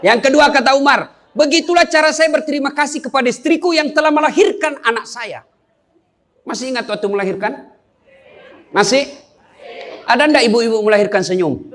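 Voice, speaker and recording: A middle-aged man preaching a humorous sermon, telling stories and acting out dialogue with lively, animated delivery. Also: extremely high pitch, fairly quick, long pauses. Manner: animated, jokey storytelling with quoted dialogue. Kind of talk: humorous sermon to a live audience.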